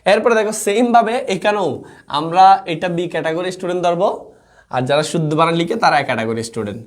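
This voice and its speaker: A man's voice: fairly high pitch, fairly quick. A young man teaching a live online exam-prep class in an informal, chatty way, reading out student comments and checking in with the students often.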